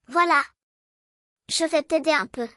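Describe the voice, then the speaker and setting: A soft, high and unhurried magical bicycle played by a woman from a children's storybook. It is tender and reassuring, encouraging a small child as if reading to a toddler, and sounds close and dry. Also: dry recording. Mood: gentle, reassuring.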